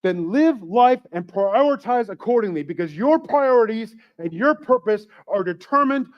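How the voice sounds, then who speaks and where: Male pastor, high-pitched, joking with the congregation mid-sermon; dull, lo-fi church livestream sound. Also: expressive, normal speed. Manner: joking, conversational, asks questions to the congregation.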